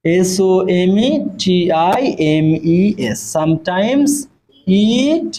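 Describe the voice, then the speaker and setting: A man's voice: sits high, expressive, extremely slow, background noise. A man teaching a spoken English class to students. He explains step by step, spells words out letter by letter and keeps checking in with "okay?".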